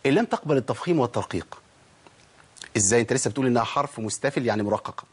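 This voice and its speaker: A man's voice: medium pitch, animated, very fast, breathy edge. A man with an Egyptian Arabic accent giving a spoken lesson on Quran recitation rules, asking questions and then answering them himself.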